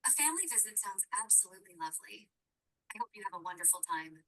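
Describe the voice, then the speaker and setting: A woman's voice: mid-range voice, lively intonation, fast, sharp tone. A robot-sounding text-to-speech woman voicing a cheerful customer service agent, heard as distant, tinny playback. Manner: cheerful, upbeat, scripted friendliness.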